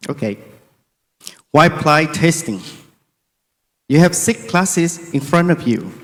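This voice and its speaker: Measured male examiner in a reverberant hall. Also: on the high side, lively intonation. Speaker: competition examiner. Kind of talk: formal task instructions.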